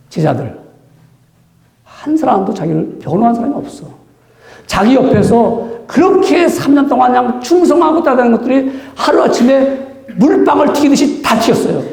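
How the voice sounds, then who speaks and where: A man's voice: very high-pitched, creaky, darkish tone. A male pastor giving a conversational sermon, asking rhetorical questions and acting out quotes. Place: church sanctuary. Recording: echoey church room.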